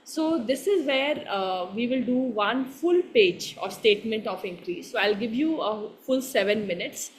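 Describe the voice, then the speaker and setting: A woman's voice: fairly high pitch, expressive, unhurried, hardly any pauses, slight background noise. A woman with an Indian English accent guiding a live workshop exercise. She encourages the group, laughs often, keeps checking that they follow along, and mixes Hindi phrases into her English. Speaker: workshop coach.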